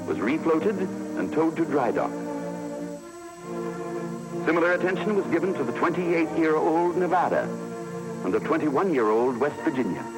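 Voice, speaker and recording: A man's voice: medium pitch, poor audio. A man giving emphatic, declamatory old newsreel narration in 1940s style.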